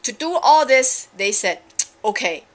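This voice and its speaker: A woman's voice: on the high side, very animated, measured pace. A middle-aged woman from Taiwan, ranting casually in a vlog with many fillers and an exasperated manner. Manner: rambling, exasperated, frequent fillers. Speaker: vlogger. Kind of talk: casual opinion rant.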